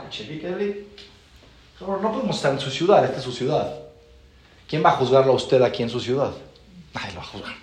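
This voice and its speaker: A man, a rabbi teaching a class, telling stories and acting out the dialogue. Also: echoey room. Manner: animated, acts out dialogue with shifting pitch. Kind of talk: storytelling lesson.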